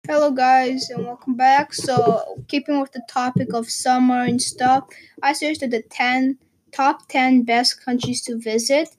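A woman's voice: high-pitched, fairly even intonation, unhurried, noisy background. A teenage girl from Portugal, vlogging in a casual, rambling way with lots of fillers and restarts. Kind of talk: casual chat.

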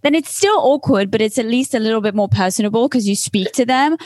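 A woman's voice: on the high side, quick pace, a little mellow, no room sound. A woman from Switzerland hosting a podcast, chatting casually and frankly, swearing freely. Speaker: podcast host.

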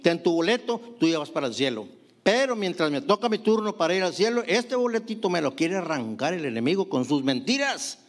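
A middle-aged man preaching a sermon, asking rhetorical questions and calling out to the congregation as brothers. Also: high voice. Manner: preaching with rhetorical questions and frequent "hermanos" and "amén". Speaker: pastor.

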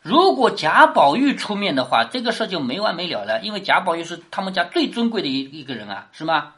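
A woman lecturing on a classic novel at a quick clip, her pitch leaping up and down. She keeps tossing rhetorical questions at her listeners. She speaks with the patient drive of a teacher. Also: sing-song, a bit bright. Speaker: literature teacher.

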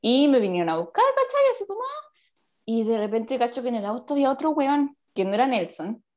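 A Chilean woman in her twenties tells a story in a casual chat, animated, full of slang, and laughing often. Her voice is on the high side and fairly quick.

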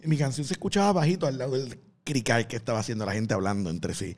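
A man with a Puerto Rican accent, a stand-up comedian telling an animated, laughing story in casual chat. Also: medium pitch, quick pace. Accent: Puerto Rican Spanish. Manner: animated, laughing storyteller with lively voiced asides.

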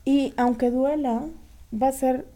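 High, mellow-voiced woman talking animatedly. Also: slow pace. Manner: animated, emphatic lists and repetitions. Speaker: guest speaker on grief. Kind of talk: casual panel talk.

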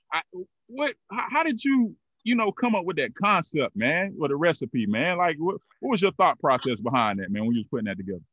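A thirtysomething podcast host conducts a casual interview, posing questions in a relaxed, rambling style packed with fillers. He has a mid-range voice, heard on a muffled recording with no room sound.

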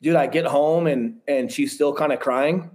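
A man's voice: on the high side, moderate pace, a little mellow. A man in his thirties, a podcast guest, telling a personal story in a frank, rambling way with casual swearing.

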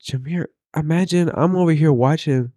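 A man's voice: fairly high pitch, normal speed, warm tone, dry recording, studio quality. A man chatting casually and telling stories in loose, profane slang, often repeating phrases as he builds them up. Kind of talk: casual banter and storytelling.

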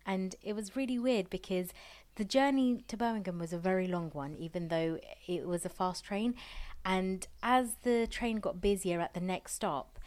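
A woman's voice: mid-range voice, normal speed, a little mellow. A young woman telling a story in a casual, rambling way, with lots of fillers and restarts. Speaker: podcast host.

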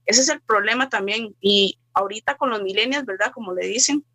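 A woman's voice: mid-range voice, a little fast, pushed and bright, no room sound. A woman speaking earnestly in a casual chat about faith, sometimes searching for words.

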